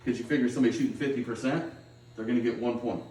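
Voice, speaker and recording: A middle-aged man coaching a team through a pregame pep talk, heard from a distance in a roomy, echoing space. His voice sits at an ordinary male pitch. He is plain-spoken and instructive, checking often that players follow. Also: fairly even intonation, very fast, a little mellow, a little hiss or hum. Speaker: high school girls' basketball coach. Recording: roomy echo, distant microphone.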